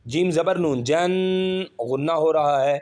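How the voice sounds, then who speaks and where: A male Quran reading teacher with a slightly raised pitch. He works through each letter and vowel mark aloud, one syllable at a time, then blends them into the whole word. Between the drills he explains the pronunciation rules patiently, in a plain lesson style. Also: animated, a little mellow. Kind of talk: slow step-by-step recitation lesson.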